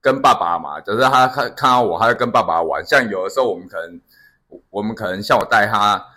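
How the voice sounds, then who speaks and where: A man tells family stories in a casual chat. His voice is bright and slightly breathy. He rambles through fillers and restarts. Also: lowish voice, quick pace. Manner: storytelling, many fillers and restarts. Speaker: podcast co-host.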